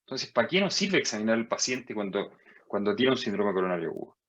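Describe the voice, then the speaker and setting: A man lectures as a doctor in a low, measured voice. He walks through the material step by step and jumps higher in pitch to stress key points. The recording sounds dull and lo-fi. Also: sing-song. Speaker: physician lecturer. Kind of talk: medical lecture over slides.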